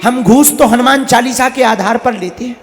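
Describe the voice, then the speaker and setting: A man's voice: very high-pitched, normal speed. A male preacher playing a cheeky official who justifies taking bribes. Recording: long hall reverb, faint music.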